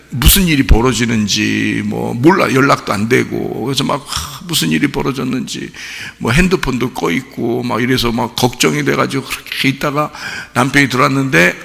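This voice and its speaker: Gravelly, bright-voiced male pastor preaching. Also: medium pitch. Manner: conversational preaching, frequent rhetorical questions. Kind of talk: sermon. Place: church sanctuary. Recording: long reverb in a church hall.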